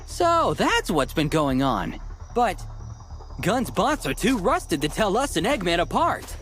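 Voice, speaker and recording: A man's voice: high voice, very animated, slow pace, a bit bright, full character voice. A man voicing a cocky, brash young hedgehog hero in a video game cutscene, casual and slangy. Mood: defiant. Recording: music under the dialogue.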